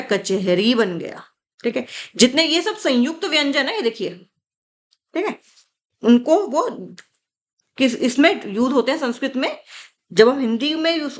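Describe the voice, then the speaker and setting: Woman teaching, high voice. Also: a bit bright. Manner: explains patiently, repeats key words, asks and answers her own questions. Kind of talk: exam-prep grammar lesson.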